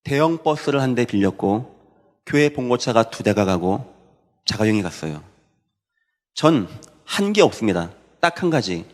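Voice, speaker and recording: A man's voice: medium pitch, big pitch swings, moderate pace, big-room sound. A male pastor preaching a Sunday sermon, telling stories and building to fervent proclamation. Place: church sanctuary.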